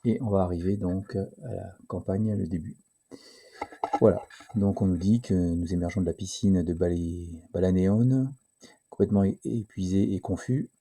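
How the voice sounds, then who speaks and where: A man presenting a casual board game tutorial, hesitant and full of filler pauses, at times reading the game's text aloud. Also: deep voice, steady tone, mellow.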